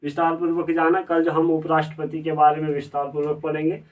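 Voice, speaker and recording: A man's voice: a little high, completely flat delivery, quick pace, distant mic. A man teaching an exam-prep lesson who repeats and rephrases himself, with frequent fillers.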